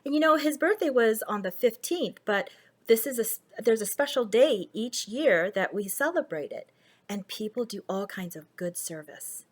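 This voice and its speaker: A woman hosting a children's story time, reading a picture book aloud in a simple, clearly phrased, teacherly way. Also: on the high side, expressive, moderate pace.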